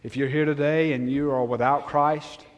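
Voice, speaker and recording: A man preaching a sermon in a church, his voice ringing through a hall with a long reverb. He sits a little high for a man and swings from near-whispers to loud, emphatic appeals. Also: steady tone, normal speed.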